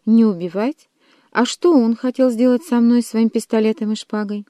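A woman's voice: on the high side, steady tone, normal speed, mellow, no echo, studio quality, voice pushed up, lightly acted. A woman reading aloud and voicing a cruel young nobleman who mocks and threatens his victims. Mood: menacing. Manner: mocking, cold and threatening.

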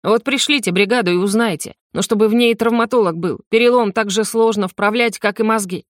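Storybook: woman doing an indignant, huffy dragon lord, mid-pitched, dry booth read. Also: a little fast, dry recording, lightly acted. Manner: sarcastic, barking, indignant. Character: irritable wealthy male dragon, gruff and sarcastic.

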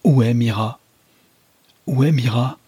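A man voicing a desperate, fierce army captain who shouts urgent cries in a husky voice. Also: fairly low pitch, monotone, normal speed, no echo. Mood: feverish.

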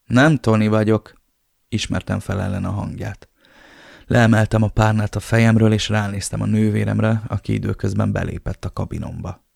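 A man narrating a novel in the first person, with a dark, brooding delivery. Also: fairly low pitch, flat delivery, creaky, husky, dry recording, studio quality. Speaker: audiobook narrator.

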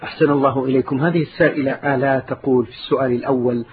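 A man's voice: medium pitch, steady tone, racing. A man presenting a radio program and reading out listeners' questions in formal standard Arabic, with courteous set phrases. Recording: narrow phone-like band, clear background noise.

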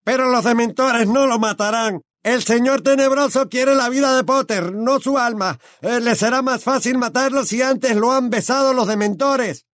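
A man voicing a brutal male Death Eater henchman who shouts in a high, strained voice. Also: normal speed, hardly any pauses, no room sound, clean studio sound. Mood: scheming.

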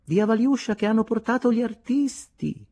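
A man's voice: very high-pitched, lively intonation, normal speed, dark tone, slightly rough, pitched above the performer's own voice, heavily acted. A man voicing a dirty young criminal who speaks in a languid, effeminate way.

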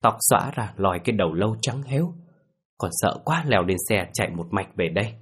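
A man voicing a frightened young village father who shouts and talks in a shaky voice, from a spoken ghost story. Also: fairly low pitch, expressive, brisk, slightly rough. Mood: shaken. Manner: shouting, then shaky and panicked.

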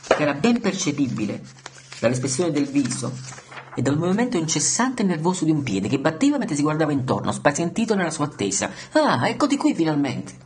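A man reading a novel aloud in a measured, soft narration that sometimes drops near a whisper. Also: a little high, big pitch swings. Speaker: audiobook reader. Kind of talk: scripted literary narration.

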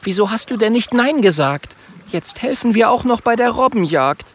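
A man voicing a clever, prim young girl in a storybook reading, high-pitched and knowing. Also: sing-song, moderate pace, slight background noise. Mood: reproachful.

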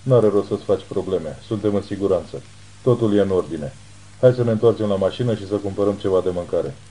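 A man reading as a steady private detective with a deep, very dark voice who talks in a measured, reassuring way. The tone is low and unhurried, the way a calm protector sounds when he is steadying others. It reads like an audiobook. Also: natural voice, low-quality recording.

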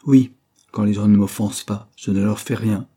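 A man's voice: fairly low pitch, fairly even intonation, moderate pace, mellow, lightly acted. A man voicing a fierce, scheming young foreign governess in an audiobook reading, speaking sharply and with menace. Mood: curt.

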